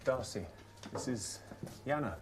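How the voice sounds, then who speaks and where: An actor playing a grieving widowed doctor who talks in a measured, matter-of-fact way. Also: male voice, medium pitch, animated, background noise, close to an everyday voice.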